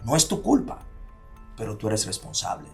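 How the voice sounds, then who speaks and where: Dominican guy preaching self-help, punchy repeated questions, soft music under him. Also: fairly low pitch, big pitch swings, moderate pace, vocal fry. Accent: Dominican Spanish. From Dominican Republic. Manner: emphatic, fires repeated rhetorical questions, drops to near-whispers for stress. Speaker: motivational speaker. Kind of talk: motivational talk.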